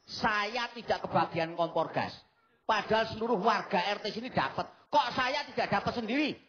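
A man voicing an indignant, hot-tempered poor village man in a live puppet comedy, shouting his complaints in a whiny tone with a Javanese accent. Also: high-pitched, normal speed. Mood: angry. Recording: slightly dull live stage recording, crowd. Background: audience crowd.

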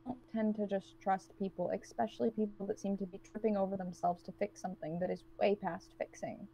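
A woman playing a cold, guarded woman trapped with strangers, who speaks in a blunt, cutting monotone. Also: mid-range voice, a little fast, a little hiss or hum, close to an everyday voice.

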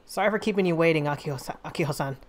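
A woman voicing a loyal, earnest young tough guy in a game, in a lowered voice. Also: very fast, slight background noise, close to an everyday voice.

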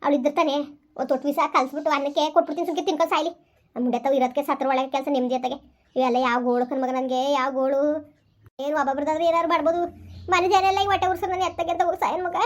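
A woman's voice: high voice, fairly even intonation, racing, natural voice. A woman playing a weary, lamenting village mother-in-law. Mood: bitter, despairing. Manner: lamenting, repeats her complaints. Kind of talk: village family drama.

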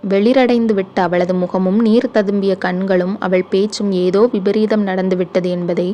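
Audiobook reader, female, mellow and even storytelling tone. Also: medium pitch, slight background noise. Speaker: audiobook narrator. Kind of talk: scripted story narration.

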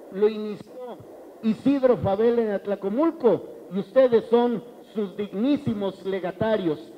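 A man's voice: extremely high pitch, muffled recording, slight background noise. A middle-aged Mexican man giving an emphatic political speech with a handheld mic in a large banquet hall, repeating phrases for effect. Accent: Mexican Spanish.

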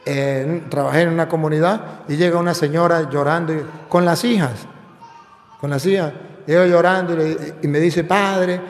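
High-voiced preaching priest, echoey hall. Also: male voice, steady tone, moderate pace. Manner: emphatic preaching with repeated phrases. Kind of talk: fiery sermon. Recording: echoey hall with long reverb.

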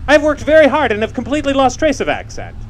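A man's voice: extremely high pitch, huge pitch swings, quick pace, a little hiss or hum, heavily acted. A man acting in a stage play as a talkative, ironic suitor who rambles and interrupts himself. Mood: wry. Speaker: stage actor.

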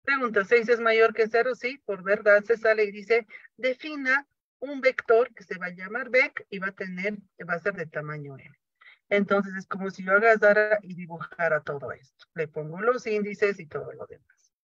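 High-voiced man teaching programming, step by step. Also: moderate pace, a bit bright, no echo. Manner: explains step by step, asks and answers his own questions. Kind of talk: classroom lecture. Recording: dry, dull lo-fi sound.

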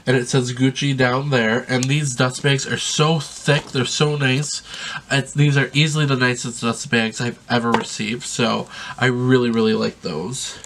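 A man in his twenties, stuffed up from a sinus infection, rambles eagerly with lots of ums while unboxing a gift in a small bedroom, filmed up close for a casual vlog. His medium-pitched voice is flat and fairly bright, moving at a measured pace over slight background noise.

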